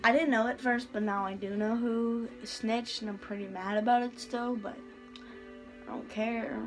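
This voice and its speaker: A woman's voice: a little high, fairly even intonation, normal speed, soft background music, rough recording. A teenage girl telling a storytime vlog in rambling casual chat, with heavy "like" fillers and frequent swearing. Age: teens. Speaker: vlogger.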